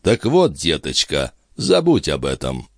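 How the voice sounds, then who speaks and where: A worldly old duke talks down with dry irony, as a male narrator acts him out. The voice is low and close, with no room around it. It rises and falls with amused condescension. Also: huge pitch swings, a little slow, no echo, exaggerated voice. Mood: condescending. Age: older. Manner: ironic, condescending.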